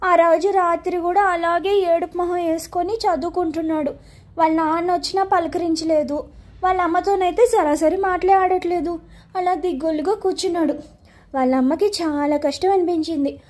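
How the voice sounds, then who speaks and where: A woman narrating a children's story in an unhurried, gentle way. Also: very high voice.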